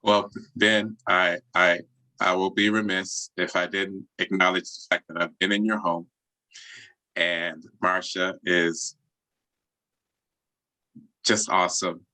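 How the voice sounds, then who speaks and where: A man speaking slowly and earnestly, giving a heartfelt tribute over a video call. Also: low voice, level tone, pushed and bright, no echo, poor audio. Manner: slow, deliberate and earnest. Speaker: presenter.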